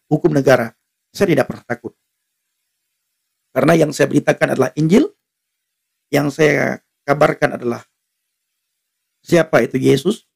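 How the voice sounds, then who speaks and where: A man's voice: mid-range voice, vocal fry, a little mellow, breathy edge. A man preaching defiantly on a live stream, repeating himself and laughing now and then.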